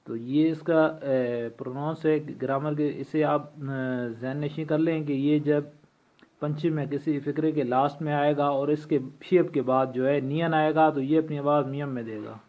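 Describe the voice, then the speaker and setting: A man teaching a language lesson from a textbook, reading vocabulary slowly and repeating each word for practice. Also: a little high, steady tone. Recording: tinny phone-like recording.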